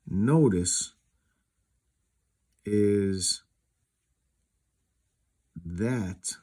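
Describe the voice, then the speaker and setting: A collector drawls his words in a lowish, darkish voice as he hosts his own video. The comparison he gives is casual and unscripted, rambling and explanatory, with frequent "you knows."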